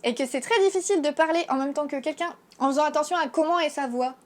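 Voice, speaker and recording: A woman's voice: high-pitched, quick pace. A young French woman with a French accent, explaining language learning in a casual, frank video lesson full of fillers. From France. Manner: chatty, frank, lots of fillers. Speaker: Japanese teacher and YouTuber.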